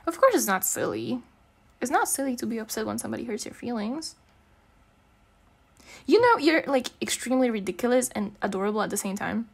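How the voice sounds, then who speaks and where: A young woman from Eastern Europe, her voice fairly high and creaky, performs a girlfriend ASMR roleplay. She comes across as casual and intimate, teasing, affectionate and slangy.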